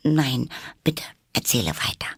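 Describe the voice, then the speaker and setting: A man's voice: medium pitch, huge pitch swings, fairly bright tone, husky, no echo, voice pushed up, full character voice. A man reading a storybook aloud, voicing the curious, touchy girl Alice in a raised, half-whispered voice. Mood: indignant. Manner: earnest, quick to protest.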